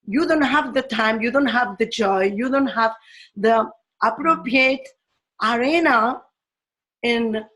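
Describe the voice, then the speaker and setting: A woman from Spain, a teacher giving a slow, thoughtful talk on education, pausing often and restarting her phrases. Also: on the high side, a bit bright, poor audio. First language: Spanish.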